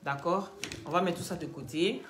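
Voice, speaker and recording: A woman hosting a live stream, teasing and scolding commenters in a chatty way and pitching products to viewers. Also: normal speed, noisy background. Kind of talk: casual live-stream chat and sales pitch.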